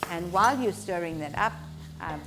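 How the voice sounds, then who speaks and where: A woman presenting a cooking demonstration, explaining each step instructively with frequent pauses. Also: on the low side, expressive, over music.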